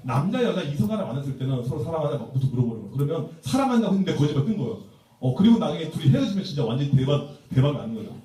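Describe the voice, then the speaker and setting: A pastor tells stories with lively, rising and falling pitch and a slightly high voice, playful and humorous as he addresses church teachers. His tone is dark and mellow. The sound booms around a large church sanctuary, picked up from a distance. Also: very fast. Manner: storytelling, playful, acts out quotes. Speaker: pastor giving a teacher seminar. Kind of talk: humorous church seminar talk. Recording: echoey church hall from far off.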